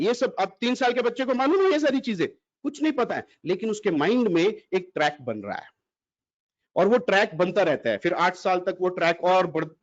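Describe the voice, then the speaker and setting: A man giving an animated online motivational talk and quizzing his audience. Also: high voice. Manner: animated, mixes Hindi and English, quizzes the audience. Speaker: motivational speaker. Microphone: computer mic in an audio-only video call. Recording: dull lo-fi audio.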